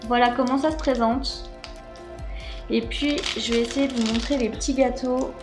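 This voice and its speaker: A woman in her thirties talks through a snack box on her channel in a high, bright-sounding register. She is chatty and a bit hesitant, with plenty of fillers. Faint music plays underneath. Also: steady tone, moderate pace. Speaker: unboxing vlogger. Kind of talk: casual unboxing chat.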